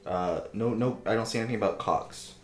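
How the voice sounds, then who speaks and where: A man's voice: on the low side, brisk. A man bantering over a game, joking and swearing, and reading animal trivia aloud in a mock-serious tone. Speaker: let's play co-host. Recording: roomy echo with faint music.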